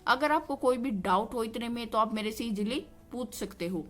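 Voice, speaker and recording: A woman with a fairly high voice gives a classroom-style grammar lesson. She keeps asking her own questions and answering them. Faint music plays behind her. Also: normal speed. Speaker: Hindi grammar teacher.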